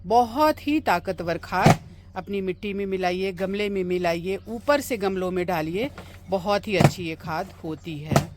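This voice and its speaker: A woman's voice: mid-range voice, a little slow, heavy background noise. A woman gardening vlogger outdoors in her home garden in hot sun, chatting casually and explaining each step to her viewers. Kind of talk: casual how-to vlog.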